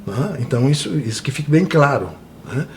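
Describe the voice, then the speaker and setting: A man's voice: medium pitch, animated, a little fast, a little hiss or hum. A man from Brazil, a tour guide, speaking earnestly as an interview guest and often adding tag questions.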